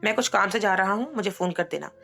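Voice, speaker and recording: A woman's voice: medium pitch, quick pace, vocal fry, a bit bright, faint music behind. A woman voicing a worried middle-aged father who speaks in short, distracted replies.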